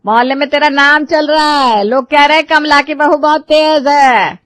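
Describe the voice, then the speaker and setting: A woman voicing a sharp-tongued traditional mother-in-law who scolds loudly in a cartoon story. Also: sing-song, moderate pace, no echo. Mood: scolding. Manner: scolding, shrill and loud. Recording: dull lo-fi dry recording.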